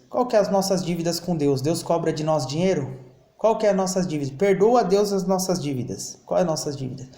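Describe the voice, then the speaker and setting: A man's voice: on the high side, mellow, roomy sound. A man preaching a sermon, often asking his listeners for an "amen". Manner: preaching with call-and-response "amém?" and acted prayer lines. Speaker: pastor. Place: church.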